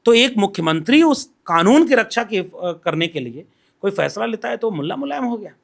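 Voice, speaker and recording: High-voiced man making measured points. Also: big pitch swings, vocal fry. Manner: measured, explanatory, makes numbered points. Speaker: podcast guest. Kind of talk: political discussion.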